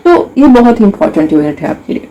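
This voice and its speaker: A woman's voice: medium pitch, sing-song, fast talker, mellow, muffled recording, slight background noise. A young woman teaching an English grammar lesson, mixing Hindi and English, explaining step by step and asking her students rhetorical questions.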